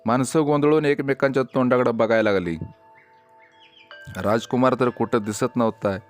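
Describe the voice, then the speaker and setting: A man narrating a folk tale in an even, measured storybook reading. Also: mid-range voice. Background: faint music.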